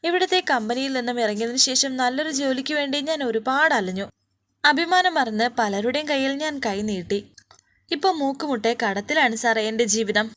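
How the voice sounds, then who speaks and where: A humble, desperate middle-aged man pleads for help , spoken by a woman. The voice sits fairly high and stays soft and earnest, with no gruffness put on. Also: normal speed. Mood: pleading.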